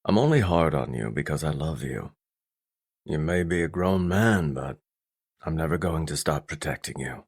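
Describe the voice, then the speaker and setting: In an animated, exaggerated audiobook performance, a man plays an intimidating middle-aged father who is stern yet tender. He speaks gravely, deliberately and with restraint, gruff love showing through, in a deep, low, weighty voice.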